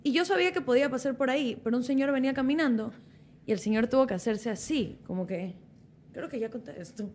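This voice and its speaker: A young woman co-hosting a casual talk show, telling stories with quick restarts. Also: high-pitched, a little hiss or hum. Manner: animated storyteller, quick restarts. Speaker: co-host. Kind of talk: casual chat.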